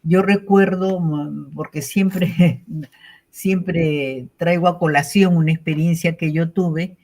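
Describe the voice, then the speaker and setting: A woman with a Peruvian accent giving an online lecture in a warm, reflective way, often closing phrases with a questioning tag. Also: fairly low pitch, steady tone, slow. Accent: Peruvian Spanish, from Callao. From Peru. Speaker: invited lecturer. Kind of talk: online conference talk.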